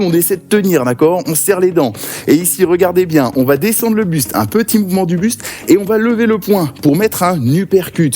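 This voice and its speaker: A man leading a guided workout class, giving energetic, encouraging cues and counts. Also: a little high. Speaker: fitness coach.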